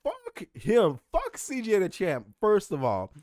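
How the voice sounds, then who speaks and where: A man's voice: high voice, huge pitch swings, takes it slowly, a little mellow, no echo, clean studio sound. A man hosting a reaction video, chatting casually and arguing his points with a laugh.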